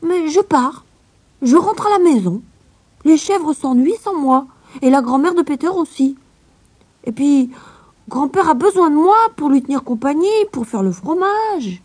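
A woman voicing an outspoken little mountain girl in a storybook, high, earnest and eager. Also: lively intonation, measured pace, darkish tone, no echo. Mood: pleading. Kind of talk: storybook reading. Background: music.

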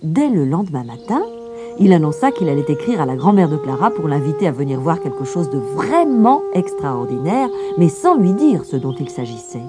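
Brief: woman, storybook narrator, low and animated, music bed. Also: moderate pace. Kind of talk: storybook reading. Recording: music playing behind.

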